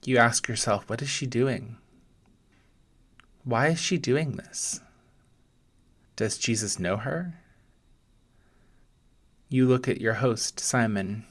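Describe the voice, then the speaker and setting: A medium-pitched male voice, very slow and gentle, belongs to a pastor leading a guided meditation. Pausing between short phrases, he deliberately narrates scripture as though describing an imagined scene.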